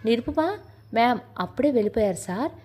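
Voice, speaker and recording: A woman's voice: a little high, expressive, brisk, a little mellow, breathy edge. A woman voicing a polite young office assistant in a Telugu audio story, speaking in a matter-of-fact way.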